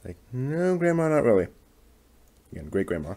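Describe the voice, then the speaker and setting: Building a model kit on a casual hobby livestream, the male host chats away and talks to himself while he works with his hands. He has a mid-range, dark-toned voice with a sing-song lilt, at a normal speed.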